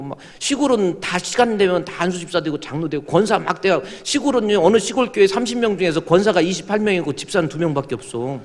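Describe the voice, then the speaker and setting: A man preaching a sermon as a pastor, his voice sitting fairly high and leaping all over as he tells humorous stories. He builds to loud, emphatic cries at the peaks. The sound rings with a long reverb from the church hall. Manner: animated, joking storyteller who shouts at peaks. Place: church sanctuary.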